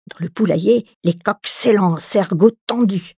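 A woman reading a fairy tale aloud in an expressive storybook manner. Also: mid-range voice, gravelly, breathy edge, dry recording. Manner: expressive, slow storybook delivery.

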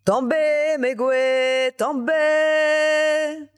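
A storyteller voicing a magical male master of the woods who loudly chants spell commands, in a much higher and louder voice than the narration. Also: level tone, drawn-out words, faint music behind. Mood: chanting command.

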